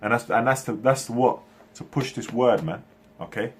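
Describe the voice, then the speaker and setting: A man from Turkey, raised in England, preaching a monologue in halting bursts and tagging nearly every phrase with "man" or "okay". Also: mid-range voice, slightly rough. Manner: halting, frequent restarts. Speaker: religious speaker.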